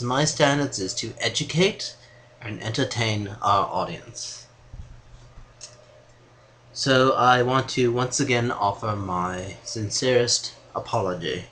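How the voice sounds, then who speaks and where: A man with an English accent hosts a comedy podcast in a stiff, pompous manner. He keeps stumbling over his words. His pitch swings widely as he talks. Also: fairly bright tone. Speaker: podcast host. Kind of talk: mock-formal comedy podcast hosting.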